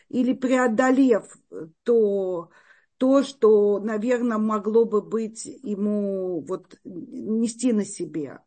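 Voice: mid-range voice, a little mellow. Hesitant meeting moderator asking a question. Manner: hesitant, many fillers and restarts while asking. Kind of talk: hosting an interactive meeting.

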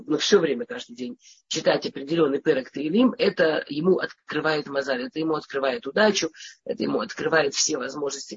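Her pitch is low, with vocal fry and a husky quality, and the highs are cut off in the recording. She's a teacher with a cold leading an informal religious lesson, hesitant and full of stammers and restarts.

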